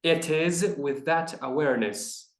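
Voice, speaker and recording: Slow, careful man in an echoey room. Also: fairly high pitch. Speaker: pronunciation student. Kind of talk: repeating phrases in a lesson.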